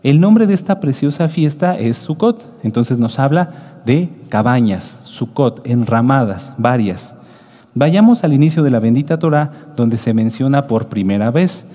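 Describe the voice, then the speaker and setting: A man's voice: medium pitch, lively intonation, mellow. Man preaching a sermon in a reverberant hall. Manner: teaching slowly, checking with listeners with a rising "¿sí?". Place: congregation hall with a booth of branches.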